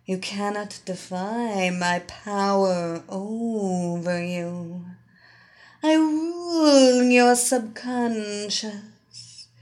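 A woman voicing a commanding blonde witch who hypnotizes with a soft, mesmerizing voice. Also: medium pitch.

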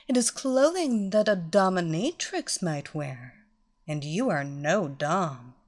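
A woman voicing a slow, purring dominant mistress. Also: on the low side, animated, darkish tone. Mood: commanding. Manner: slow, purring, drawn-out commands. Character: commanding blonde female hypnotist, a dominant mistress.

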